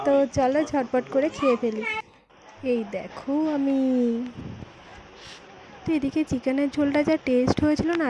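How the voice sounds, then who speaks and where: A woman narrating a casual home vlog into her phone, chatty and repetitive, her voice a little hoarse from the heat. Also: high voice, background noise. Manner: chatty, repeats herself, many fillers. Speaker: vlogger. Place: home, indoors and on a veranda. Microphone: phone camera.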